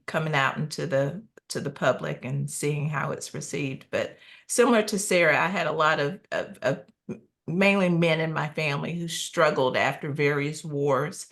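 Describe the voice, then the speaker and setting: A woman novelist speaking earnestly on a panel about her upcoming book. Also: low voice. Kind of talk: panel discussion.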